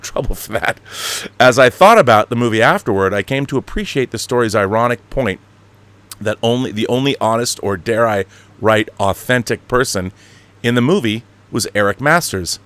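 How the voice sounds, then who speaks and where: An American man hosts an online show, delivering a casual, rambling monologue to his viewers with a grandiose, playful showman's flair. His voice is lowish with a fairly bright tone.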